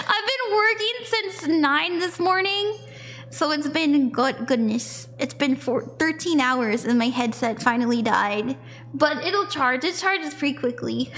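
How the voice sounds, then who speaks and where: A bubbly young woman from the southern US laughs easily as she chats with viewers during live palm readings. Her voice is high-pitched with a fairly bright tone.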